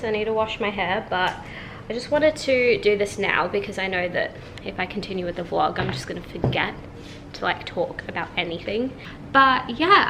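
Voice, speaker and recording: A young woman in her twenties talks to her camera at home in a relaxed, chatty vlog, leaning on "like" as she goes. Her voice sits at an ordinary middle pitch. A clear hum of room ambience runs under the recording. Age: 20s. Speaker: vlogger. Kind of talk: casual vlog chat. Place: at home, indoors. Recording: noticeable room ambience noise.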